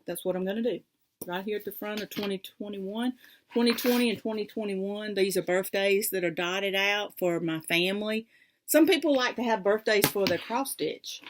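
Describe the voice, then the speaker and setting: A woman's voice: medium pitch, moderate pace, background noise. Lady chatting about her stitching at home, rambly, jumps topics, lots of ums. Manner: rambling, easily sidetracked, with many fillers. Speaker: crafting vlog host. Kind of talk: casual chatty vlog. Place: home craft room.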